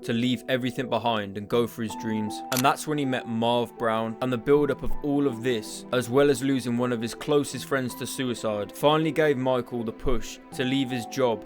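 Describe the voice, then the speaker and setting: A man narrating a scripted video documentary in a steady storytelling way. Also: medium pitch, moderate pace, hardly any pauses, over music.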